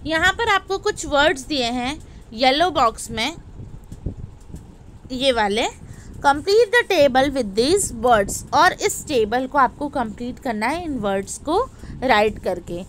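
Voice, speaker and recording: A woman with an Indian accent teaching an English lesson, explaining slowly and asking her students questions, then answering them herself. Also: sits high, expressive, slight background noise, rough recording. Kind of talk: classroom lesson in Hindi-English mix.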